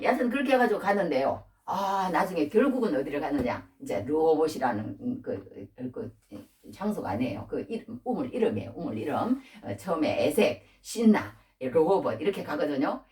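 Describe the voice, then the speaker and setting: A woman's voice: on the low side, darkish tone, distant mic. A middle-aged woman preacher giving an informal sermon, chatty and acting out everyday scenes with frequent laughter. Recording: roomy church sound, voice from off the mic.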